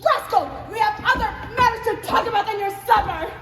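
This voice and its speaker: A woman's voice: very high-pitched, a little fast, fairly bright tone, a faint crowd. A woman playing a raging old miser. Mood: suspicious. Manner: blustering, theatrical outbursts. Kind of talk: stage play performance. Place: theater stage. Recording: echoey theater stage from far off.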